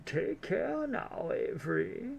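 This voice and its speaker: A streamer voicing a gracious, knowing elderly tea house owner in a put-on grandma voice, speaking slowly and deliberately. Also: mid-range voice, sing-song, gravelly, slight background noise, pitched above the performer's own voice, exaggerated voice. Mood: knowing, grave. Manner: slow, drawn-out, deliberate.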